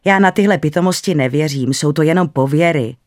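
A narrator voicing a brisk young mother. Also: medium pitch, no room sound, clean studio sound, close to an everyday voice.

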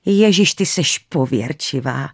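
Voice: mid-range voice, expressive, no echo. A storyteller voicing a practical, skeptical young mother in a dry, close recording.

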